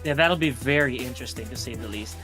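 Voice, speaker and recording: Man, esports caster, wordy and formal, mid-pitched, faint music behind. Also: quick pace. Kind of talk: live esports commentary.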